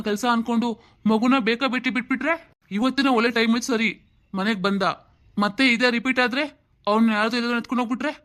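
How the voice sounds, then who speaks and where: A man's voice: high voice, fairly bright tone. A man playing a stern husband and father who scolds his wife and son in a homemade family drama. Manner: scolding, bossy, rapid-fire. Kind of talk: amateur audio family drama.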